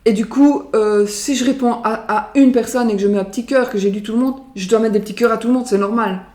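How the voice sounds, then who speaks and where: A woman's voice: a little high, fast, a little mellow. A woman vlogger chatting casually to her viewers, rambling and repeating herself with many fillers, in her home kitchen. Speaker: psychic vlogger presenting her oracle cards. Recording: roomy echo, voice from far off the mic.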